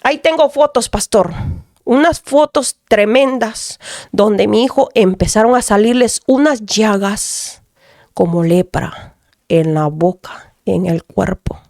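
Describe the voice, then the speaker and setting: A woman gives an earnest testimony as a mother. She keeps turning to address the pastor in a mid-pitched voice. The recording is dry, with little room sound. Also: expressive, slow pace, darkish tone, no echo. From Dominican Republic. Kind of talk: radio testimony.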